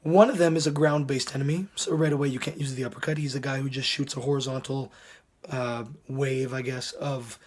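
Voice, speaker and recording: A man with a hoarse, sick voice that is giving out gives casual commentary as a game reviewer, often clearing his throat. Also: mid-range voice, steady tone, brisk, a little hiss or hum.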